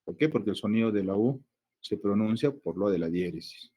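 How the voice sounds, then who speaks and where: A man with a Peruvian Spanish accent teaching a grammar lesson, explaining step by step and checking in with frequent questions, drawing out words slowly to sound out their syllables. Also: lowish voice, animated, mellow, husky.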